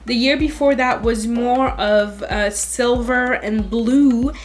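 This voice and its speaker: A young African woman with a fairly high voice and a blend of British and Nigerian accents talks slowly as a guest beauty creator. She does her makeup over a video call, chatting frankly with lively energy, laughing often and leaning hard on certain words.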